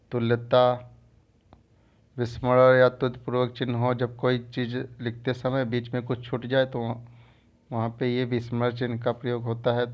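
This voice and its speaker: A man teaching a grammar lesson over a screen recording, explaining slowly and repeating terms. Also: medium pitch, highs cut off. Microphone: phone or screen recorder mic.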